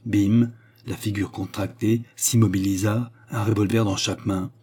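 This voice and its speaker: Low husky male audiobook reader. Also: fairly even intonation, moderate pace, warm tone. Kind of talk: scripted narration.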